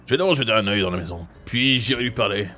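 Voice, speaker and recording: A brooding male cat detective from a game, speaking deep and low in hushed tones with a Marseille accent, as a man puts him on. The voice swoops lively despite its gravity, with faint music behind. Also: quick pace. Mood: grave.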